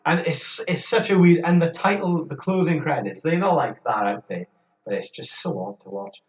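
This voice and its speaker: A man's voice: fairly high pitch, expressive, normal speed. A man co-hosting a podcast, chatting casually and rambling with hesitant restarts. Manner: rambling, hesitant, laughs often. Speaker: podcast co-host. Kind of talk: casual chat. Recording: roomy, distant, dull lo-fi sound.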